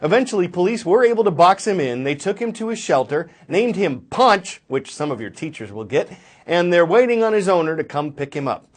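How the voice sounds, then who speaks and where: A male news anchor narrates a light story in a high voice. His delivery is scripted and playful, built for wordplay. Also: big pitch swings, a little fast. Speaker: news anchor, show host.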